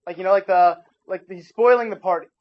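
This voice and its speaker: Casual young preacher, lo-fi sound. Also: male voice, high-pitched, fast talker. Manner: casual, talks with his audience, animated asides. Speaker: youth pastor. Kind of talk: informal sermon. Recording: dull lo-fi recording.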